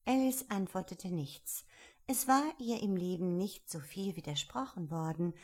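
A woman narrating a storybook in a calm, measured reading voice. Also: fairly low pitch.

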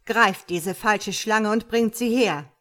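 A woman's voice: mid-range voice, very animated, a little slow. A woman reading a storybook aloud and voicing a stately, commanding female God.

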